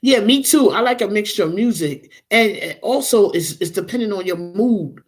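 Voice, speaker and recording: A woman's voice: mid-range voice, animated, normal speed, breathy edge. A woman in her forties, a tarot reader chatting casually and rambling to her livestream viewers. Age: 40s.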